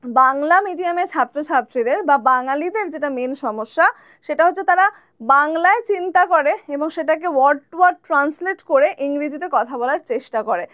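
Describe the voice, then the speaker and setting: A woman's voice: high voice, expressive, moderate pace, a bit bright, dry recording, clean studio sound. A woman teaching a spoken English lesson from slides, explaining patiently and asking and answering her own questions.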